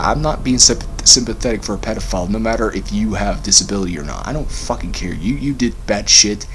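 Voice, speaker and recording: A man's voice: on the low side, a bit bright, slight background noise. A young man talking in a heated, profane, repetitive rant for a commentary vlog. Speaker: commentary vlogger.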